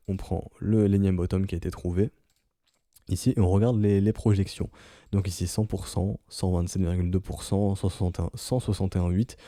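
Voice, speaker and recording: A man with a deep, very mellow voice talks through market charts in a casual, explanatory way. He keeps checking in with his listeners as he goes, and the sound is dry and close with no room around it. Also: no echo. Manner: explanatory, peppered with "ok?" and "hein". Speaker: crypto market analyst. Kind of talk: casual chart analysis commentary.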